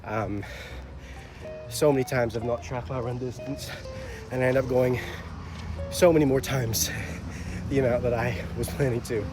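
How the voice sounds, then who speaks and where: Breathless from a run and nursing a slight cold, a young man vlogs in an upbeat, chatty, rambling way. He has a mid-range voice with fairly even intonation at normal speed, and faint music plays in the background.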